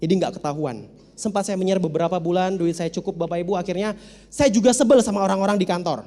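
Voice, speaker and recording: A man's voice: high voice, quick pace, dark tone. Joking male speaker in a reverberant hall. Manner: humorous, addresses the audience directly. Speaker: motivational speaker. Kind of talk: storytelling seminar talk.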